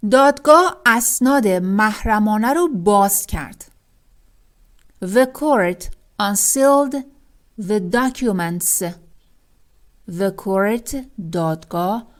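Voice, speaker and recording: A woman teaches English vocabulary. She reads each example sentence aloud very slowly and then moves on briskly to explain it. Her voice sits at an ordinary pitch for a woman. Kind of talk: vocabulary lesson.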